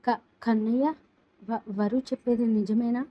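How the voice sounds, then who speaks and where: A woman's voice: medium pitch, fairly even intonation, normal speed, lo-fi sound, a little hiss or hum, close to an everyday voice. A woman doing an anxious caring mother-in-law. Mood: worried. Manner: worried, gentle.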